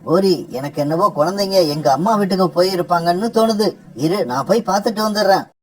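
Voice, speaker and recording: A voice actor playing a gentle father crow in a cartoon, mild and pleading. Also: mid-range voice, fast talker, close to an everyday voice. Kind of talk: cartoon voice acting.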